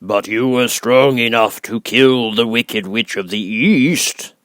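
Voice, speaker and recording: A man voicing an imperious wizard who appears as a giant head in a storybook, speaking slowly and commandingly. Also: mid-range voice, fairly bright tone, no echo. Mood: imperious, questioning. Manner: slow, commanding, deliberate.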